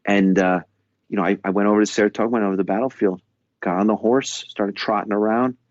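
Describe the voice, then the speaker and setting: A man's voice: fairly low pitch, fairly even intonation, fast, dry recording, dull audio. A man with a New York accent, co-hosting a podcast in a casual, rambling chat with many restarts and stammers. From New York State. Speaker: podcast co-host. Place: London.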